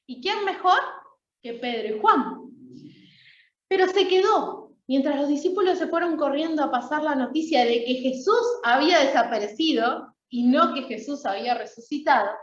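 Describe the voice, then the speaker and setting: High-voiced woman preaching in an echoey church. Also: expressive, normal speed. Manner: conversational preaching, often checks in with "¿sí?". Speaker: lay preacher. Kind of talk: Easter week sermon. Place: church sanctuary. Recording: echoey, dull church sound.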